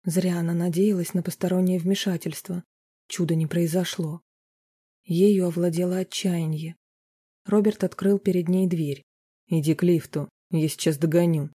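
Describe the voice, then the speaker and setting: A narrator reading a romance novel aloud in a steady, even storytelling manner. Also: medium pitch, breathy edge, no echo.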